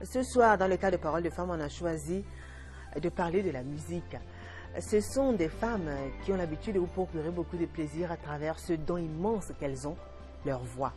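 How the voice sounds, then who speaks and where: A woman from Cameroon, hosting a studio talk show with expressive, emphatic delivery. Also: lowish voice, normal speed, soft background music. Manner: expressive, emphatic presenting with lively swings.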